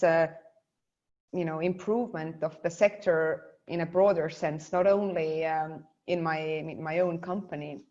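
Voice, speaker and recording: A woman's voice: low voice, a little mellow, dull audio. A young woman from Estonia talking casually in an interview, full of fillers and restarts. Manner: chatty, many fillers and restarts.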